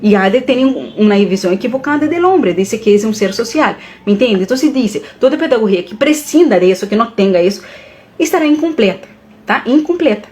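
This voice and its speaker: Animated woman on a live stream. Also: mid-range voice, fast, hardly any pauses. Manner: animated, mixes Portuguese and Spanish, emotional.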